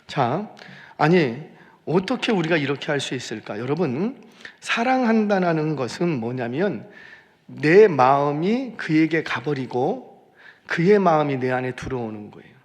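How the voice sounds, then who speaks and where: A man preaching a sermon as senior pastor, animated and repeating phrases for emphasis, in a church sanctuary. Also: on the high side, measured pace, long reverb tail.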